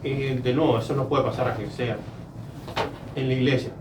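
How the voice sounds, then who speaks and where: A man adding to a sermon, measured, thinking aloud with fillers. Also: mid-range voice, steady tone. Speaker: church speaker. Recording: distant, echoey mic with noise.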